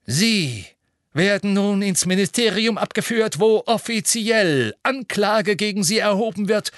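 A man's voice: high-pitched, lively intonation, a little slow, no echo, clean studio sound, pitched above the performer's own voice. A man voicing a blustering, gloating middle-aged male minister who barks his lines in an audiobook reading. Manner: shouting, barking, gloating.

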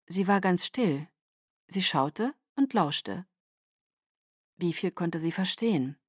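A woman narrating a novel in the first person in a calm, measured reading. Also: on the low side, breathy edge, no echo, studio quality. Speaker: audiobook narrator. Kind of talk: scripted narration.

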